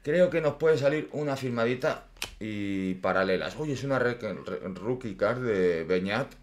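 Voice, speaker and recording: A man's voice: medium pitch, expressive, measured pace. A man in his forties with an accent from Spain, hosting with casual, colloquial, playful chat. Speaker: host. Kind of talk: casual chat, unboxing commentary. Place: small room indoors at a desk. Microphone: desk microphone.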